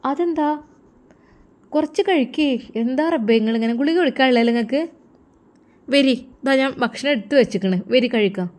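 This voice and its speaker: A woman's voice: sits high, fairly quick, pauses often, a little mellow, natural voice. A woman plays a caring middle-aged mother who fusses and frets in a lifted voice. She speaks in a storybook reading. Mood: fussing. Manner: fussing, raised voice.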